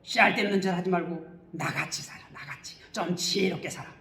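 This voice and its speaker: A man voicing a scornful worldly man who taunts believers in a sneering way, his voice raised high above his own. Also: moderate pace, fairly bright tone, reverberant.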